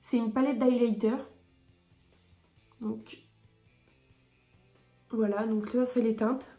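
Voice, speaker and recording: A woman's voice: on the high side, fairly even intonation, slow, mellow, faint music behind. Chatty woman beauty vlogger, echoey room. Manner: chatty, enthusiastic, frequent hesitations. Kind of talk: casual product review.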